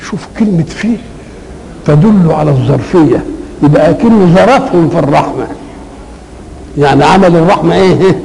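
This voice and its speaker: Older Egyptian sheikh explaining scripture, gravelly. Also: male voice, a little high, dark tone, a little hiss or hum, low-quality recording. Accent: Egyptian Arabic. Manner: conversational, poses questions then answers them, slows down to recite verses. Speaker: Quran commentator. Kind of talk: colloquial Quranic exegesis lecture.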